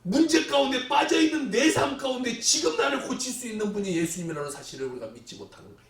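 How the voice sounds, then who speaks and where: A male pastor preaching a sermon, animated, acting out the voices he quotes and sometimes shouting. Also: very high voice, quick pace, far from the mic. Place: church sanctuary. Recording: echoey church hall, voice from off the mic.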